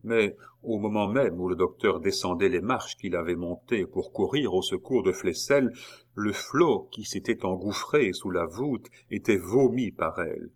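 A man reading a historical novel aloud in a measured, dramatic narration. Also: sits low. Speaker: audiobook narrator. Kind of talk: scripted narration.

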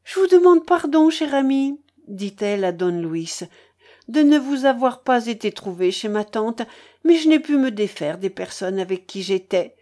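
Teasing young lady, read by a woman, high and playful, lively swoops, storybook. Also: normal speed, lightly acted. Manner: playful, raised pitch.

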